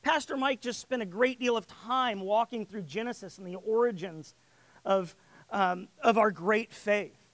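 A man's voice: sits high, a little slow, fairly bright tone, no echo. A man preaching a sermon who builds in volume on key lines and sometimes repeats words as he searches for phrasing.

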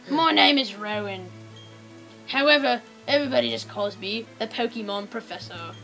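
A man's voice: high-pitched, very slow, a bit bright, faint music behind, full character voice, poor audio. A teenage boy putting on a kindly older male game professor, with a stiff attempted British accent and a formal tone. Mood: welcoming. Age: teens.

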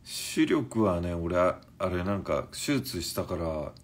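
A man in his forties chats on a live stream and reads out viewer comments, languid, drowsy-sounding and unhurried. His voice is low-pitched yet very animated.

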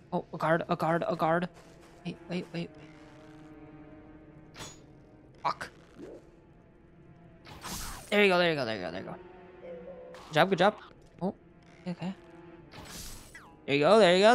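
Excitable gravelly young man gaming. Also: high voice. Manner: excitable, swears often, laughs a lot. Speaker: gaming YouTuber. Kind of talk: casual let's-play commentary.

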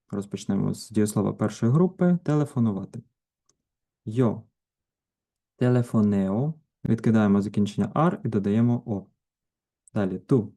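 A man teaching a grammar lesson, working through verb forms one at a time with deliberate pauses between them. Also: lowish voice, warm tone. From Ukraine. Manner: slow, deliberate, pausing between each verb form. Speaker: language teacher. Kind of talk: grammar lesson with conjugation drills.

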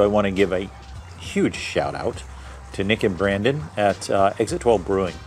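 Low-voiced man thinking aloud. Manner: thinks aloud, corrects himself mid-sentence; describes aromas and flavors in detail. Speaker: homebrewer reviewing his own beer. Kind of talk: casual tasting vlog.

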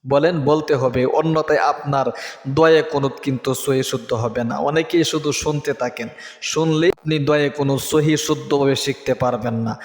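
Man, religious teacher, drawn-out chanted syllables, slightly high voice, echoey room with long reverb. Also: steady tone. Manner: urgent exhortation, then slow drawn-out chanted syllables. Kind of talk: recitation lesson with repeat-after-me drills.

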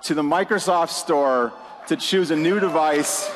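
A keynote speaker with a fairly high voice talks unhurriedly to a large conference hall, where crowd noise makes the background noisy and the room reverberates. His talk is upbeat and emphatic. A few "you know" fillers slip in.

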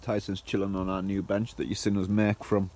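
A man's voice: deep voice, monotone, a little fast, a little mellow, slight background noise. A man with a Northern English accent, chatting casually as he films his woodland camp and cooking by the fire. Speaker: camping vlogger. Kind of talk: casual outdoor vlog narration.

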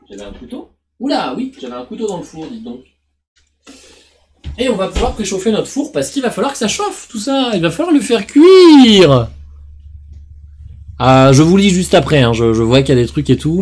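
Streaming a live cooking session from his home kitchen and small room, a thirty-something man from south-east France talks loosely into a headset mic, rambling with many fillers. He has a faint southern French accent and a fairly high voice, and there's slight background noise.

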